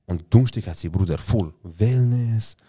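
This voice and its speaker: A man's voice: lowish voice, moderate pace, warm tone, slightly rough. A young man, telling a story in casual, slangy chat and rambling along.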